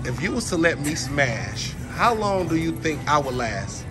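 Male street interviewer, teasing and lively, handheld phone in a store, music behind. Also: a little high, unhurried. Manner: playful, teasing, loud catchphrases. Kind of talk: casual public street interviews. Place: inside a large retail store.

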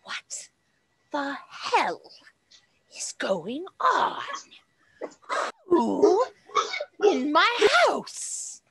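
A woman game master voicing a sinister serpent woman, contemptuous and taunting, with slow dramatic delivery. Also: mid-range voice, big pitch swings, a bit bright, slightly rough, no room sound, heavily acted. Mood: exasperated, indignant.

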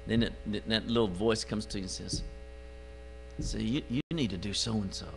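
A man preaching a sermon in church, moving from quiet low asides to loud, drawn-out exclamations. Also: steady tone, vocal fry, low-quality recording. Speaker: pastor. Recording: live stream with faint mains hum.

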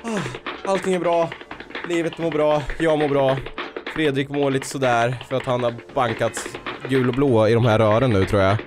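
A man's voice: mid-range voice, steady tone. A man giving let's-play commentary on a game. He cheers on and scolds his character and drops English phrases into his talk. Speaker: gaming YouTuber. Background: faint game music.

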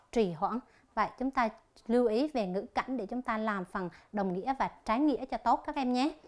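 Slow-explaining woman English teacher. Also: a little high. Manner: slow, deliberate explaining, reading answer options aloud. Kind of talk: televised classroom lesson.

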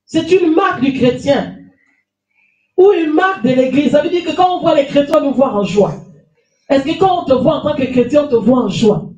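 She speaks at normal speed in a high, dark-toned voice with lively intonation, though the audio is dull. She is a middle-aged pastor from France with a cold, giving an emphatic sermon from a lectern, repeating phrases and calling for amens into a handheld mic. The small church hall with a stage echoes, and a far camera captures her voice from a distance.

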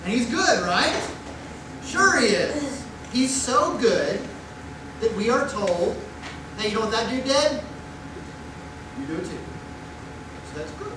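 A man's voice: very high-pitched, sing-song, slow, pauses often. A middle-aged man preaching a conversational sermon at a pulpit, with rhetorical questions and mock voices, recorded on a distant room mic in a church sanctuary. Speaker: pastor. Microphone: far room mic at a pulpit. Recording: echoey church from far off with noise.

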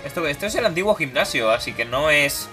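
Bright-voiced young Spaniard playing a game. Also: male voice, animated, brisk. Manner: playful, voices game characters in silly high tones. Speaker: gaming YouTuber. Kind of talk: casual Let's Play commentary. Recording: game music behind voice.

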